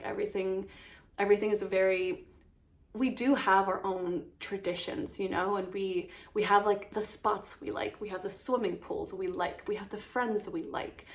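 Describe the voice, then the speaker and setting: A woman from Iceland in her thirties talking casually to camera as a vlogger, chatty and full of fillers. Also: medium pitch. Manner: chatty, many fillers, lively stresses.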